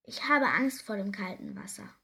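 A woman voicing Nick, a small, timid male creature in a children's storybook who turns cocky and shrill when he shouts. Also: sing-song, moderate pace.

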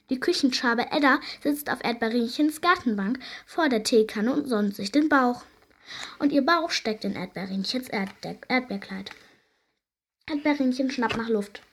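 A woman reading a children's story aloud in a gentle, lively way. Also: fairly high pitch, moderate pace.

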